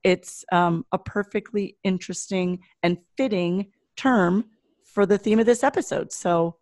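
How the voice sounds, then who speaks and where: A woman's voice: medium pitch, measured pace, darkish tone, dry recording. Middle-aged woman, Michigan Great Lakes accent, podcast co-host, casual chat, dry close recording.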